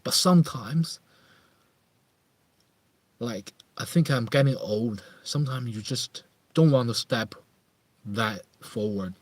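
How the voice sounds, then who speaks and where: A livestream host from Harbin in northeast China chats casually in a Chinese-accented, medium-pitched voice, musing haltingly and often repeating his phrases. It's a casual live chat monologue with no echo.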